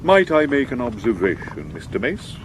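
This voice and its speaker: A man playing a calm, measured suspect who answers accusations with careful reasoning in a 1970s radio drama. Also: medium pitch, noisy background, lightly acted. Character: smooth, calm suspect with a sword cane.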